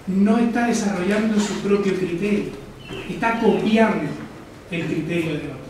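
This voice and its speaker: A man's voice: high voice, darkish tone, a little hiss or hum. A man from Almería, giving a reflective live talk and often asking the audience questions. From Almería, Spain. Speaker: lecturer. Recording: echoey hall, distant mic.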